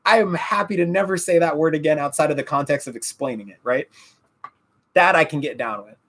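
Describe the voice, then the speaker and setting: Animated, cussing male podcast co-host. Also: a little high, brisk. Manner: animated, profane, laughs often. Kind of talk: casual chat.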